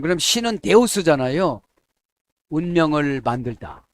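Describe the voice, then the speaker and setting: A middle-aged man preaching a sermon as a pastor, checking in with his listeners and acting out quoted prayers in a softer, lower voice. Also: no echo. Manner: asks the congregation "에?" to check agreement.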